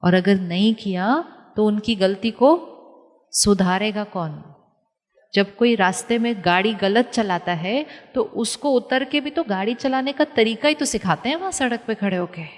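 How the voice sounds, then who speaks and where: A woman giving a calm spiritual talk to an audience, teaching step by step with rhetorical questions and repetition. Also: medium pitch, measured pace. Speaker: spiritual speaker. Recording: long hall reverb.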